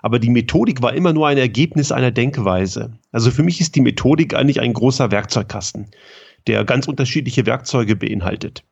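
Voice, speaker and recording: A consultant who grew up in Germany answers interview questions as a guest, speaking conversationally and thoughtfully about his lean consulting work with frequent hesitations. His medium-pitched voice is lively, a little fast, husky and touched with vocal fry, and the recording's highs are cut off.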